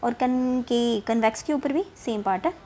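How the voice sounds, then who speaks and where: Woman teacher, fairly high and mellow, reads text slowly, then explains casually and checks in often, faint hiss. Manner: mixes English textbook reading with chatty explanation, often asking "ठीक है?"; reads English passages slowly. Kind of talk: casual lesson.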